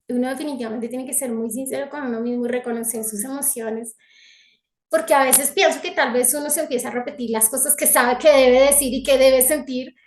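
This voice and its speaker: A Colombian woman with a high voice tells her story in an echoing room, reflective and heartfelt, often circling back to restart a thought. It sounds like a personal testimony shared with a gathering. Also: slight background noise. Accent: Colombian Spanish. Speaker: devotee sharing testimony.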